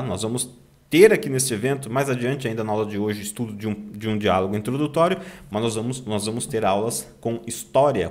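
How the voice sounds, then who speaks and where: A Brazilian man teaching German online, who draws out German words slowly to model the pronunciation and keeps asking "tá?" to check that students follow. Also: medium pitch. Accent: Brazilian Portuguese. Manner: slow, drawn-out demonstration of German words, frequent "tá?" check-ins. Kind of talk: online language lesson.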